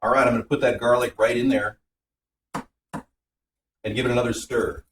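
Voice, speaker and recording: A man hosting a casual home cooking video in his kitchen, chatting in a relaxed, rambling way that drifts off topic. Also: medium pitch, moderate pace, noisy background. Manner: relaxed, filler-heavy talk. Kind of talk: casual cooking vlog chat.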